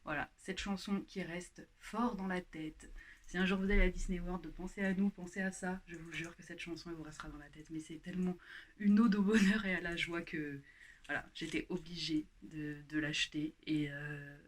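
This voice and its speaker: A woman's voice: lowish voice, fairly even intonation, normal speed. A young woman chatting casually through a haul vlog, with many fillers and restarts. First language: French. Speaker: YouTuber showing her haul.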